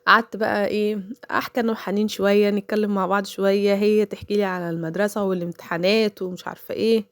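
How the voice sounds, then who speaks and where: Speaking rapid-fire in a mid-range voice with little pitch movement, this woman in her thirties narrates a home cooking voice-over with no echo. A mother with an Egyptian Arabic accent, she chats casually and tells stories peppered with religious expressions.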